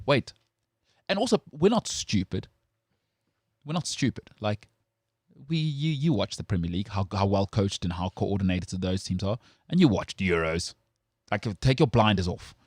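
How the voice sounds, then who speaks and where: A South African man hosts a sports talk show, opinionated and emphatic, restarting his sentences often in casual sports chat. His voice is fairly low. The recording is dry, with clean studio sound.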